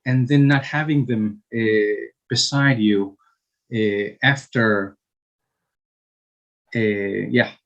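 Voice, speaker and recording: A man in his fifties from Chile, answering interview questions slowly with frequent hesitations and restarts. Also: medium pitch, dull audio. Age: 50s. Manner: slow, halting, many fillers and restarts. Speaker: guest.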